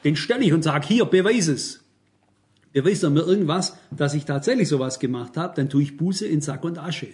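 A man's voice: on the high side, quick pace, few pauses, a little mellow. A middle-aged man preaching a sermon, emphatic and speaking straight to the congregation with rhetorical questions.

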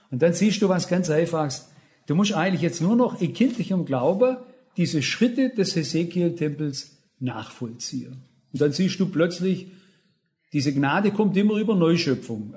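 An older man preaching a sermon, lively, often turning to his listeners with questions. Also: sits high.

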